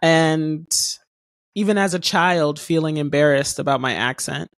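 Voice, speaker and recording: A woman from Haiti who grew up in the US hosts a podcast in a low, slightly slow voice, recorded at studio quality with no echo. In a casual interview she talks at length, warm and rambling, with many fillers.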